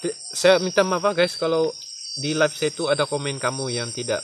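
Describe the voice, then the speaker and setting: A man's voice: on the high side, brisk. Stammering Sabah Malay man, crickets behind. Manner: stammers and repeats, chatty and self-mocking. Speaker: livestream host. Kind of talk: casual live-stream chat. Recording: noisy night recording with crickets. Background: crickets and insects chirping.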